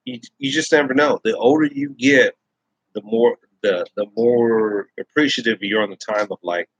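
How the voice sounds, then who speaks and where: A man's voice: medium pitch, normal speed, a bit bright, breathy edge, no echo, highs cut off. A man in his thirties hosting a casual live chat, rambling and swearing freely. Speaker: host.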